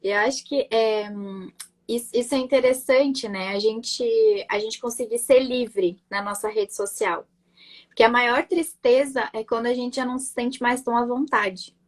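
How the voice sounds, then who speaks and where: A high-pitched woman speaking with a blended southern Brazilian accent, somewhere between gaúcho and Florianópolis. She talks freely and at length in a casual interview, repeating words and tagging her points with little checks to the listener. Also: steady tone, normal speed. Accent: mixed southern Brazilian, gaúcho and Florianópolis. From Rio Grande do Sul, Brazil. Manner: talkative, repeats words, frequent "né?" and "sabe?". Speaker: guest, nurse marketing creator.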